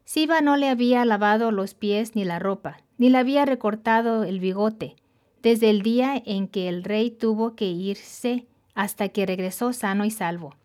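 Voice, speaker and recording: A woman narrating a Bible story in a steady, scripted storytelling manner. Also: mid-range voice, moderate pace.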